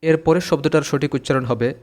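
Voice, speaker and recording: A man's voice: a little high, a little fast, darkish tone. A man teaching English pronunciation, patiently repeating each word twice. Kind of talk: slow-paced pronunciation lesson.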